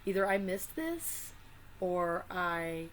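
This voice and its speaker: A woman's voice: lowish voice, sing-song, slow pace, a little hiss or hum. A woman casually showing a deck of cards on her channel, chatty and rambling, full of fillers and asides. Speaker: tarot and oracle deck reviewer.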